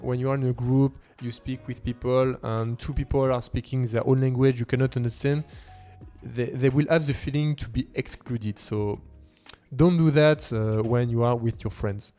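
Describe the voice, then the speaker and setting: A male host of a language-learning video talks casually to camera, a native French speaker with a French accent and non-native phrasing. His mid-range, medium-pitched voice is warm, with fairly even intonation at normal speed. Light music runs underneath.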